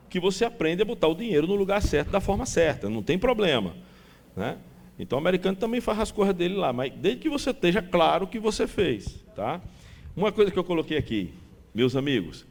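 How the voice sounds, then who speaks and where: A man giving a talk to an audience, animated and chatty, addressing his listeners over and over. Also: fairly high pitch, a little fast, gravelly. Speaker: business speaker.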